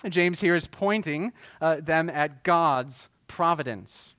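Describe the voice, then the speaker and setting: Earnest preaching man, slightly high voice. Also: fairly bright tone, no room sound. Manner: earnest, measured preaching with frequent "uh" fillers. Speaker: pastor. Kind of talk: sermon.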